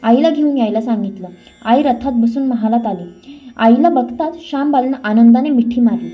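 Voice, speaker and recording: A woman's voice: fairly high pitch, lively intonation, normal speed. Woman reading a devotional story. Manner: dramatic, voices the characters. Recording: dull lo-fi with faint music.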